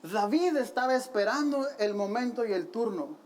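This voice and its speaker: Woman preacher, animated storyteller. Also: a little high, normal speed. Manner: animated storytelling, acting out the quoted lines; playful, self-mocking asides. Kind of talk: sermon.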